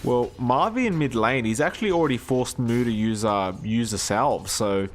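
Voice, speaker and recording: A man casting a live video game match, animated and quick to rise at big plays. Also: mid-range voice, slight background noise. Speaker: esports caster.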